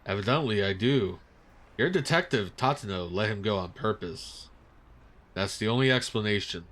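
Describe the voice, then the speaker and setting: Man doing a low, cool american partner, dry and unimpressed, lively lilt. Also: moderate pace.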